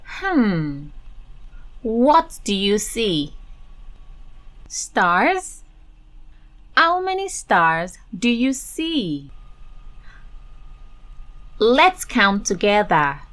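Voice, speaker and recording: A woman hosting an interactive lesson for young children in an exaggerated singsong children's-show delivery, drawing words out and leaving pauses for answers. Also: mid-range voice, sing-song, a bit bright. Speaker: children's teacher and host.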